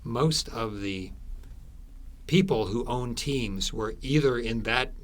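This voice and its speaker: In an author interview, a man with a mid-range voice tells stories in a conversational way. His phrases come out halting and explanatory, with thoughtful pauses between them.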